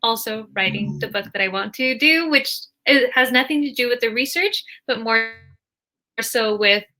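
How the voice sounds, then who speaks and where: Young US woman, bright higher voice, reflective guest, lots of ums. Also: normal speed. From United States. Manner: reflective, with frequent fillers. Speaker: panel guest. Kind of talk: casual discussion.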